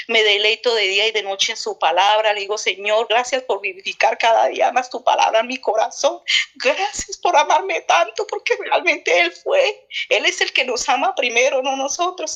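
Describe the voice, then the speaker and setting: A woman's voice: on the high side, a bit bright. A middle-aged woman telling her personal faith testimony in an emotional, repetitive, fervent way. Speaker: church member giving testimony.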